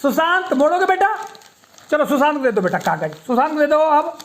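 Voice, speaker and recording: A woman teaching young children in a classroom, coaxing them and repeating words slowly for them to say back. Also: sits high, big pitch swings. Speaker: primary school teacher.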